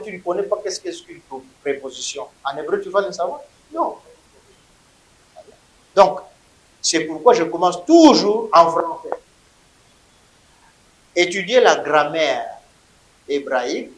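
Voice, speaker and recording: A man teaching a class, drilling vocabulary with his students in loud call-and-response before lecturing on grammar. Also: sits high. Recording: echoey classroom.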